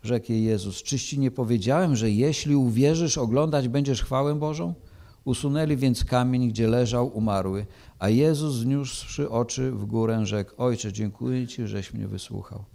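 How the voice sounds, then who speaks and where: A man's voice: mid-range voice, normal speed, creaky, dark tone. A man preaching, reading a Bible passage aloud and then explaining it, with frequent hesitations.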